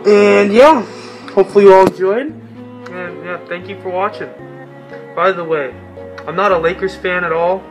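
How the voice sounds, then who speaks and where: A man's voice: high-pitched, moderate pace, pauses often, poor audio. A young man making a casual cooking vlog at home, joking and mocking himself. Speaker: YouTuber. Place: home kitchen. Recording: music playing underneath.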